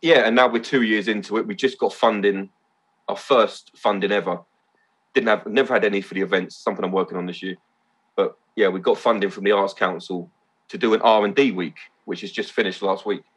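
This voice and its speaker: A man telling stories as a podcast guest, excitable and loose, swearing casually. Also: fairly low pitch, brisk, husky. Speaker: podcast guest, event organiser. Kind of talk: casual chat.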